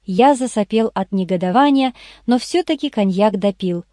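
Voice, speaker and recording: A woman reading a novel aloud, with steady scripted narration. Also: mid-range voice, moderate pace, no room sound, clean studio sound. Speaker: audiobook reader.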